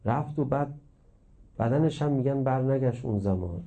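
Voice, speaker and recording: Delivering a religious sermon, a middle-aged man speaks in a mid-range voice with impassioned emphasis. His preaching alternates between teaching and storytelling, rising loud and then dropping to a hush.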